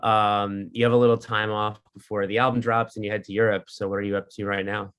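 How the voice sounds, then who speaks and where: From his apartment, a man hosts a music podcast and interviews a band over a video call. He chats casually with lots of ums and likes. His voice is fairly low, level, fast, fairly bright, clear and resonant.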